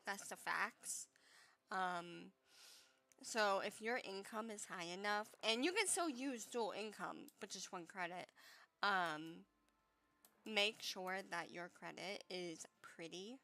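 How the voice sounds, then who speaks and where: A young woman talks slowly and casually while playing a game, her voice stuffy and congested. Her tone is bright and a little tense. She rambles, leans on fillers, and swears offhandedly. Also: mid-range voice. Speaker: gaming vlogger giving advice. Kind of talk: casual chat over gameplay.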